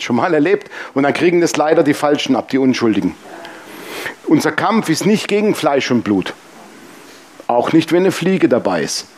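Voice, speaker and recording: Slightly high-voiced male preacher. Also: slightly rough. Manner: lively, humorous storytelling, addressing the congregation directly. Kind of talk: sermon with personal anecdotes.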